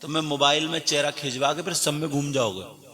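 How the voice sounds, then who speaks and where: A gruff shrine attendant calls out to wandering visitors and scolds them, as a preacher acts him out. He speaks in a bright, clear voice. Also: on the high side, brisk, long reverb tail. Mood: scolding. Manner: calling out and scolding. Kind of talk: storytelling quote in a sermon.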